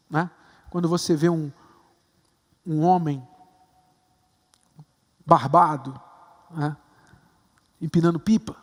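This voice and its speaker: A man with a Brazilian Portuguese accent, a bishop preaching a sermon with emphatic rises to stressed high points. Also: in a large hall. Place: large temple hall.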